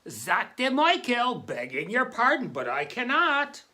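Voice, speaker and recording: A woman's voice: fairly high pitch, huge pitch swings, slow pace, bright, forceful tone, heavily acted. A woman playing a humble, devout man who tells his own story in a plain, earnest way. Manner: plain, earnest first-person telling.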